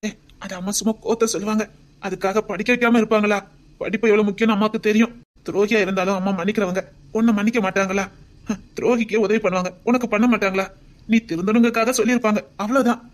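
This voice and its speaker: A woman's voice: mid-range voice, fairly even intonation, fast talker, lightly acted. A woman with a Tirunelveli Tamil accent voicing a doting young husband and father-to-be, tender and pleading, often near a whisper. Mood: earnest. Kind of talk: homemade web drama.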